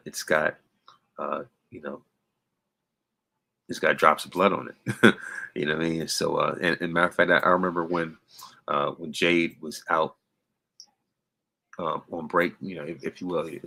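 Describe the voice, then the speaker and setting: A man's voice: a bass voice, steady tone, normal speed, creaky, pauses often, pushed and bright, rough recording. A man giving a casual, rambling wrestling recap, full of fillers and restarts. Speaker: wrestling commentator.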